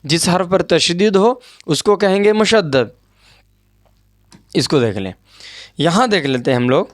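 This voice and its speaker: A man's voice: sits high, expressive, dry recording, studio quality. A man teaching an Urdu grammar lesson at a board, patient and repetitive, often checking that his students follow. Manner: patient, repeats points, checks understanding with asides.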